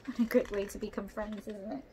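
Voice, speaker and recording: In a small room at home, a young woman brings a picture book to life for young listeners, adding asides as she goes. She speaks briskly at a medium pitch with a steady tone. She's a young adult, and the home recording carries noticeable noise.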